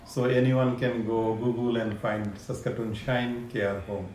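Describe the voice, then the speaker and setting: A man in his fifties from Bangladesh, a care home owner, answering interview questions in a halting way with many fillers, seated on a sofa in a living room. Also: medium pitch, little pitch movement, darkish tone, echoey room, a little hiss or hum.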